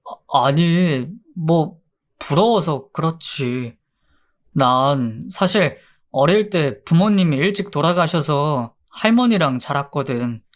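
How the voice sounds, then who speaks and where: A woman voicing a sheepish young man, low and soft. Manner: lower, softer voice than her narration. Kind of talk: radio drama story reading.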